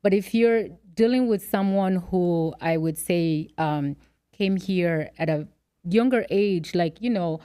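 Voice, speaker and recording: A woman from Angola, a guest in a casual chat among friends, talking in a relaxed, thoughtful way. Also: fairly low pitch, slow, clean tone, dry recording, studio quality.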